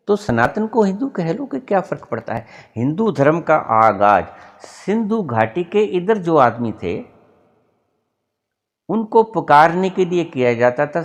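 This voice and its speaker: A man, a spiritual teacher, giving a sermon in a storytelling manner and mimicking voices for humor. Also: on the high side.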